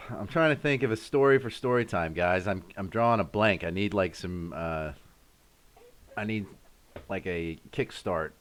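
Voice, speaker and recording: An American man hosting a casual live stream, rambling and chatty, talking to viewers in the chat by name. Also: deep voice. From United States.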